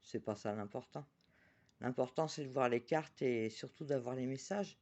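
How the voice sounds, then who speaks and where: A chatty woman presenting oracle cards on her channel, talking about herself in the third person and reading each card's message slowly. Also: extremely low pitch, a little mellow, lo-fi sound. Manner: reads card messages slowly.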